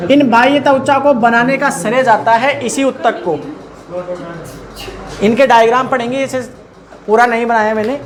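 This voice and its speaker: A man's voice: very high-pitched, poor audio. A man teaching a lecture, repeating key terms and asking his listeners questions as he goes. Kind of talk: classroom lecture. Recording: crowd noise behind.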